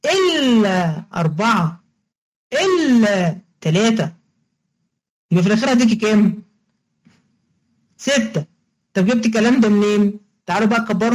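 Her voice is medium-pitched with a darkish tone, and the recording is low quality. This woman teaches religious studies online with an Egyptian Arabic accent, coaxing her students playfully, going over each step again, and quizzing them.

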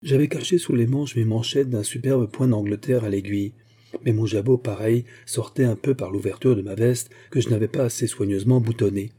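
Male audiobook narrator, very dark timbre, measured elegant read. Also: medium pitch, fairly even intonation, husky. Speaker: audiobook reader. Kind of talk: scripted literary narration.

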